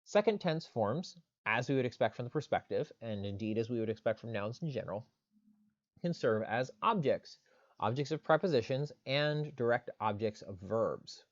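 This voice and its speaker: A man giving a recorded online lecture in an explanatory way, pausing often on "uh" and "um". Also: medium pitch, animated, no echo, muffled recording. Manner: explanatory, frequent "uh" and "um" fillers.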